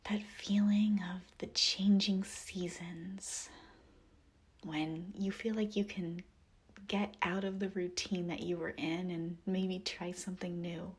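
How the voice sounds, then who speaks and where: In a soft, breathy whisper, a woman narrates a guided meditation visualization, gentle and soothing, with long pauses. Her voice is lowish and shows little pitch movement.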